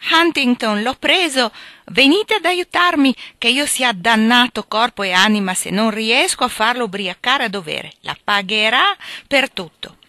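A woman reading aloud, voicing a brutish, drunken young nobleman who shouts and bullies. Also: a little high, big pitch swings, moderate pace, no echo, clean studio sound, full character voice. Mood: shouting. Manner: loud, shouting, coarse.

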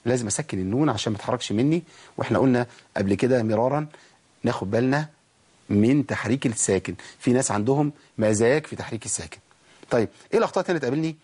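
Quick-talking Egyptian man teaching recitation. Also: mid-range voice, darkish tone, breathy edge. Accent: Egyptian Arabic. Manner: explains with quick rhetorical questions, then chants slow drawn-out recitation examples. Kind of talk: Egyptian colloquial tajweed lesson.

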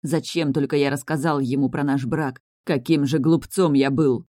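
Woman reading a devoted, remorseful young male mage for an audiobook; low-key, mellow, dry close mic. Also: steady tone, moderate pace, dry recording. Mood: regretful. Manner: tender, regretful.

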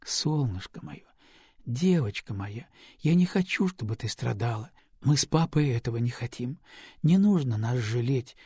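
A husky-voiced man voicing a worried young mother who pleads gently with her daughter, read for an audiobook. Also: mid-range voice, animated, moderate pace, dry recording, clean studio sound. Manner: pleading, tender.

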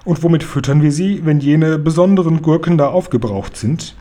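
A man's voice: fairly high pitch, normal speed, warm tone, pitched above the performer's own voice, close to an everyday voice. A man reading aloud and voicing a gracious, polite queen with a genteel manner.

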